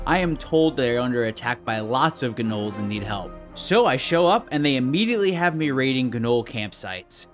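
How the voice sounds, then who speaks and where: A man narrating a game video in a scripted, dry and sarcastic way. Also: medium pitch. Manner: dry, sarcastic, mock-suspicious. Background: faint background music.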